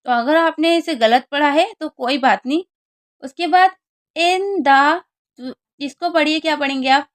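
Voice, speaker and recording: A woman's voice: high-pitched, measured pace, no room sound, studio quality. A woman teaching English reading and pronunciation, who asks her students questions and then answers them herself. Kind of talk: spoken English lesson.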